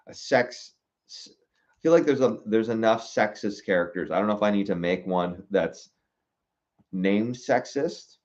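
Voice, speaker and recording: With the high frequencies cut off, a young man's fairly low voice is heard on a casual livestream as he reads viewers' suggestions aloud. He thinks out loud haltingly, with fillers and restarts.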